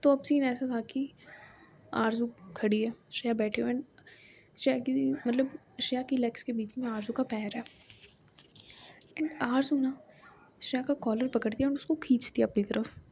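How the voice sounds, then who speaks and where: A woman's voice: on the high side, fairly even intonation, normal speed, long pauses, warm tone, slight background noise. A woman narrating a love story in a casual, chatty way, full of fillers and asides.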